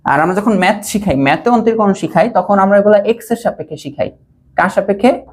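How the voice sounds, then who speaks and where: A man's voice: sits high, quick pace. A young man teaching an online physics and math lesson. He repeats key points as questions, keeps checking that students follow, and mixes English math terms into casual speech.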